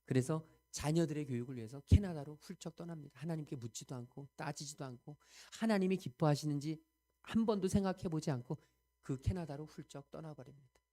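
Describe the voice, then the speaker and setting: A male pastor delivering a Sunday sermon, telling a story earnestly, rising to loud emphasis and dropping to hushed quoted prayers. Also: fairly high pitch, a little fast. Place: church sanctuary.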